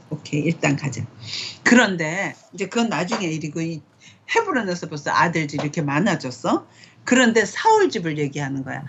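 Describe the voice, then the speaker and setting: A woman's voice: deep voice, a little hiss or hum. A middle-aged woman casually teaching a Bible study at home, asking questions and reading scripture aloud. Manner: conversational, asks questions, reads scripture aloud. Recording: dull lo-fi home recording.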